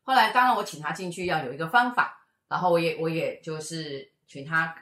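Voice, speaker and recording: A middle-aged woman tells a story in a casual chat and briskly acts out the people in it. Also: low-pitched. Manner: lively, acts out the voices of people in her stories. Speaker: fortune teller and show co-host. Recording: echoey room.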